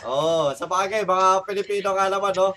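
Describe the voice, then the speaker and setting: A man's voice: high-pitched, normal speed, sharp tone, slight background noise. A middle-aged Filipino man hosting a casual podcast, rambling and laughing often. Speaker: podcast host.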